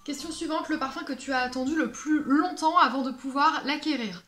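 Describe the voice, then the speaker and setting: A perfume vlogger chats casually, playful and self-mocking, with plenty of fillers. Her high voice is brisk, pushed and bright, recorded in an echoey room with faint music.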